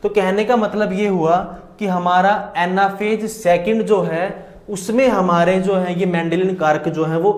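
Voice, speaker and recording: A man's voice: sits high, fairly even intonation, measured pace, roomy sound. A man teaching an exam-prep lesson, explaining step by step and asking and answering his own questions.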